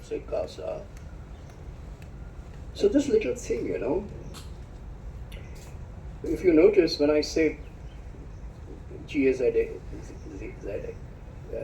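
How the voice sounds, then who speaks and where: Reflective middle-aged man lecturing, roomy echo. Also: slight background noise. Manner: reflective, searching for words, dry self-deprecating humor; animated, rises sharply in pitch for emphasis. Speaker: invited speaker discussing his book. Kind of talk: spoken lecture at a book discussion. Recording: roomy hall sound from a distant mic.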